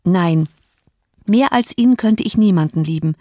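A woman's voice: fairly low pitch, mellow, dry recording, studio quality. A woman reading an audiobook, voicing an earnest, hot-tempered teenage girl. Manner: earnest, quick to flare up.

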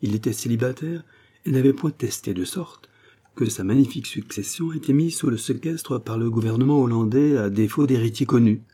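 A man's voice: fairly quick, dark tone, breathy edge, close to an everyday voice. A man voicing a theatrical, worldly aging adventurer who speaks in a grand, stagey manner. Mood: grandiose. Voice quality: booming theatrical delivery.

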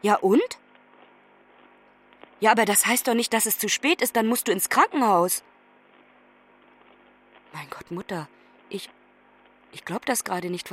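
A woman's voice: on the high side, fairly bright tone. An actress playing a lonely young woman who calls her mother from abroad, talking urgently and pleadingly. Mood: alarmed. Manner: urgent, pleading phone talk. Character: lonely young woman traveller, anxious and affectionate. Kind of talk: radio play acting.

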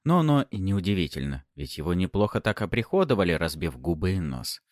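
A man's voice: low voice, big pitch swings, fairly quick, dry recording, studio quality. A man narrating a first-person audiobook in a sardonic, mocking tone.

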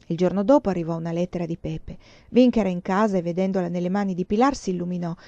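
A woman reading a novel aloud in a measured way, in a dull lo-fi recording. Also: lowish voice, dark tone, no room sound. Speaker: audiobook reader. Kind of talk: literary audiobook narration.

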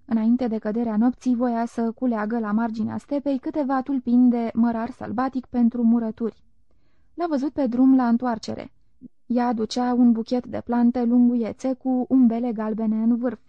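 Woman, audiobook narration, calm, measured, slightly high voice, dry close sound. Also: dry recording. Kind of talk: literary audiobook reading. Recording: dull lo-fi recording.

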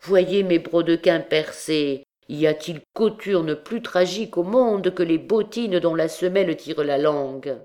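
A woman's voice: fairly low pitch, measured pace, few pauses, close to an everyday voice. A woman reading an audiobook, voicing a brash, mocking young male student who pleads and jokes theatrically. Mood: pleading. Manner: pleading then cheeky, loud and theatrical. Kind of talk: audiobook reading of a classic novel.

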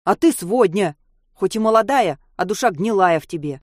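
A woman voicing a spiteful old male watchman who shouts accusations. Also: lowish voice, brisk, no echo, clean studio sound, natural voice. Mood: furious.

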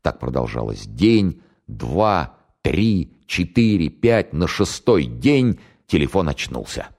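A man narrating a spy novel in an expressive, wry storytelling manner. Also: extremely low pitch, slow. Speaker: audiobook narrator.

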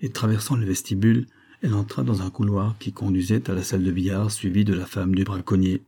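A man narrating a classic novel as an audiobook in a steady storytelling manner. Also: fairly low pitch, a little fast, husky. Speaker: audiobook reader.

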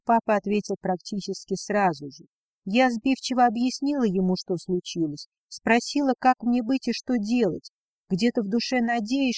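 A woman reading a first-person audiobook in a quiet, subdued way. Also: fairly high pitch, dry recording. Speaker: audiobook narrator.

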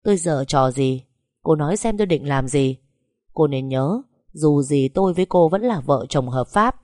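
A cold young husband who barks curt threats at his wife, voiced by a woman. The voice is low and dark, and it comes across dry and close. This is a storybook reading. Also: expressive, normal speed, no room sound.

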